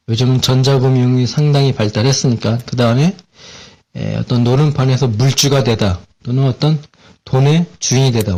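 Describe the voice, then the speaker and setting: A man with a Korean accent explaining English vocabulary in a relaxed, casual lesson, with many fillers and repeated words. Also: mid-range voice.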